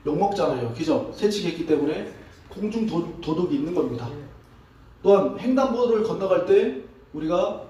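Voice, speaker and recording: High-voiced pastor quizzing his congregation. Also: lively intonation, normal speed, warm tone, a little hiss or hum. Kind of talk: interactive sermon. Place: church sanctuary. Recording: echoey hall, distant mic.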